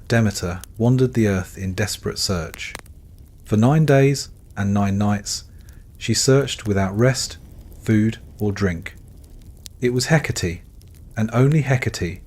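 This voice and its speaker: Male narrator, lower voice, measured and solemn, scripted bedtime storytelling with deliberate phrasing. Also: a little mellow.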